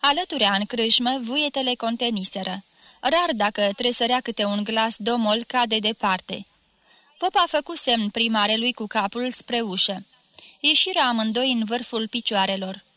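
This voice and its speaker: Woman, storybook narrator, steady measured reading, bright, dry close recording. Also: a little high, no room sound. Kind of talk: reading a classic story aloud.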